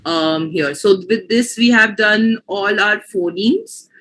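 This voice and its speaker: A woman's voice: mid-range voice, takes it slowly, fairly bright tone, poor audio. A woman with an Indian accent teaching pronunciation in an online class, explaining patiently and often checking that students follow.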